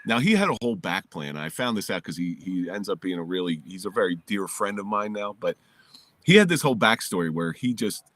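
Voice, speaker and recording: A middle-aged man from New Jersey, a podcast guest telling a personal story in a candid, lively way, recorded in his home basement. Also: low-pitched, fairly quick, dry recording.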